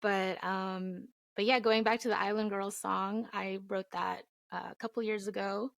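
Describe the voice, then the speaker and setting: Gravelly-voiced young woman guest. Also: medium pitch, fairly even intonation, normal speed, dry recording, studio quality. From Philippines, raised in Florida. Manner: earnest, with frequent ums. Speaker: indie singer-songwriter guest. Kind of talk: casual interview answers.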